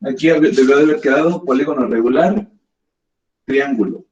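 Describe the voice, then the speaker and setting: A man's voice: mid-range voice, normal speed, darkish tone. A man teaching a math class, patiently guiding students step by step. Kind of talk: classroom lesson. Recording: echoey classroom, dull lo-fi sound.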